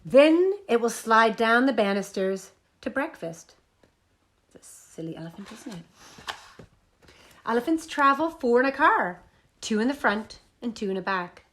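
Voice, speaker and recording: A woman leading a toddler group, coaxing the children through songs and movement games and reading them picture books in an animated sing-song voice. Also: a little high, normal speed, slight background noise. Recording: echoey room.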